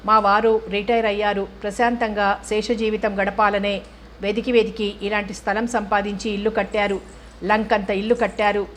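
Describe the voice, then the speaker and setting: A woman voicing a fussy older housewife who shouts into the phone as she talks up her house. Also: medium pitch, level tone, normal speed, a little hiss or hum, natural voice. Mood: loud, eager.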